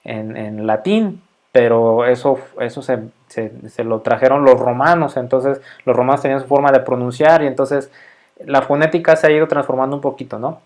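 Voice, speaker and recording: A man's voice: mid-range voice, moderate pace, darkish tone. A middle-aged Mexican man with a Mexican Spanish accent, giving a casual microbiology lecture full of fillers and frequent check-ins with his students.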